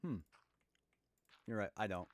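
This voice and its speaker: A man's voice: lowish voice, animated, a little slow. A man playing a game with a friend, playful and teasing in casual chat. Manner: playful, teasing, joking asides. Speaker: co-player.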